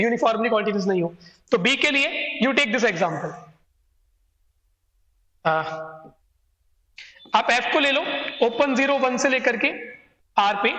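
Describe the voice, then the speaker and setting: A man's voice: very high voice, pushed and bright. A man teaching a math exam solution lecture, explaining step by step and speaking directly to his students. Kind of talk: exam solution lecture, mixing Hindi and English. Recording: echoey room with long reverb.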